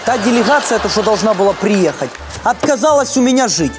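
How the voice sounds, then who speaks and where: A man's voice: sits high, animated, brisk, over music. An actor playing an exasperated young landlord in a comedy sketch, a man pleading and sarcastic as he haggles. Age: young adult. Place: outdoor courtyard.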